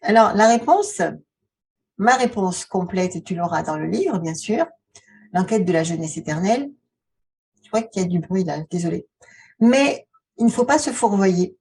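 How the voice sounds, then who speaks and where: Dark-voiced, slightly husky woman vlogger. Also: medium pitch, animated, far from the mic. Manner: conversational, halting, posing rhetorical questions. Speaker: video channel host, author and relaxation therapist. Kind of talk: casual vlog talk addressed to the viewer.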